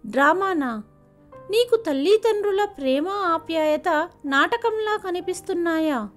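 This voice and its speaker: A woman's voice: very high-pitched, lively intonation, unhurried, soft background music. A woman voicing a caring middle-aged mother who pleads with and scolds her son. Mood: hurt scolding.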